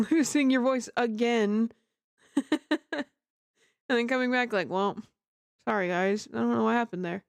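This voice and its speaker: Her voice leans high and gravelly yet clear and resonant, with a steady tone, an unhurried pace and long pauses. She is a livestreamer and amateur voice actor, chatting casually on a game stream in a giggly, rambling, self-mocking way, speaking close to the mic. The recording is dry, with music in the background.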